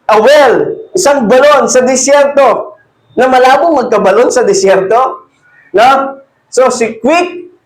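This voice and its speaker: Male pastor, high tenor voice, sermon in an echoey church hall. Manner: mixes Tagalog and English, reads Bible verses slowly; rises and grows louder when exhorting.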